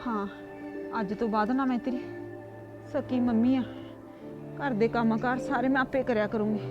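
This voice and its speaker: An actress playing a nagging stepmother in a village comedy sketch, shrill and complaining. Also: steady tone, moderate pace, dull audio, over music, natural voice. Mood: remorseful. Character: nagging middle-aged stepmother who later repents. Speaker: actress in a short comedy film.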